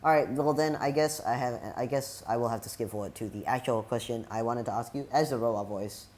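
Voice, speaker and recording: A man's voice: medium pitch, brisk, a little mellow. A young man hosting a casual podcast, rambling and poking fun at himself. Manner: rambling, self-mocking, talks over bits. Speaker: podcast host.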